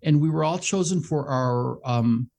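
A middle-aged man who hosts a radio show, talking as a guest in a casual interview, animated and self-deprecating, laughing often. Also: fairly high pitch, measured pace, vocal fry. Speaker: radio show host and behavioral health manager, guest.

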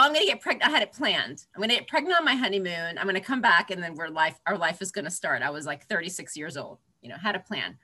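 A woman in her forties from Florida, chatting as a podcast guest, lively with frequent laughs and fillers. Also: fairly low pitch. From Florida, USA. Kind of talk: casual interview chat.

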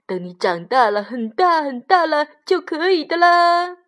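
A woman's voice: sits high, very animated, a little slow, a bit bright, pitched above the performer's own voice, heavily acted. Woman doing a sing-song doting father sheep. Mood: soothing. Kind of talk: storybook read-aloud.

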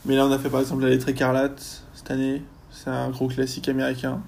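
A young man, a university student, chatting casually in a podcast interview, often pausing on fillers as he thinks. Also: medium pitch, monotone, creaky, darkish tone, a little hiss or hum. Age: young adult. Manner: chatty, lots of hesitations and fillers.

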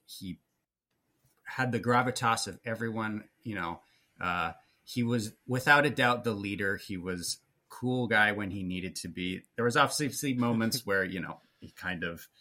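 A man who is a comedian, chatting casually on a podcast and acting out movie lines with excitement. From Los Angeles. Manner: animated, acts out quotes in a high excited voice. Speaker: guest comedian.

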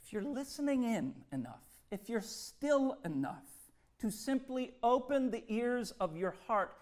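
A pastor preaching an impassioned sermon, swinging from hushed, tender passages to loud, ringing declarations. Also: male voice, very high-pitched, animated, measured pace.

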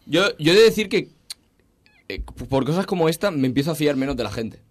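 A young man with a Spain Spanish accent, co-hosting a casual comedy chat and joking in quick banter. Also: fairly high pitch, lively intonation. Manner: quick jokey banter, acts out little scenes. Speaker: podcast co-host.

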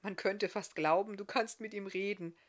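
A woman voicing a kind young male beard giant in a read-aloud fairy tale, tender and hushed. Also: medium pitch, fairly even intonation, normal speed, lightly acted. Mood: happy. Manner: soft, tender, often hushed.

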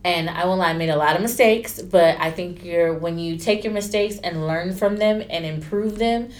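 Chatty sounding woman, low voice. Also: normal speed. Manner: chatty and candid, with lively acted quotes. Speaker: stylist and entrepreneur. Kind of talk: casual interview storytelling.

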